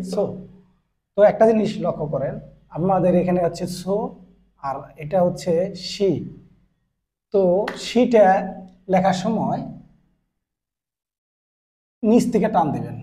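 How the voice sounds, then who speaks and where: A man with a Bangladeshi Bengali accent teaching a Japanese writing lesson, slowly repeating each syllable twice as he explains. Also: high-pitched, dark tone. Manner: slow and repetitive, drilling each syllable twice. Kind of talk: step-by-step classroom explanation.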